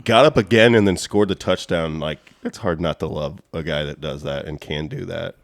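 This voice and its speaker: A man's voice: a bass voice, normal speed, creaky, dry recording, studio quality. A man co-hosting a fantasy football podcast, talking casually with bold opinions and some swearing. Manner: animated, swears, bold predictions. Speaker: podcast co-host.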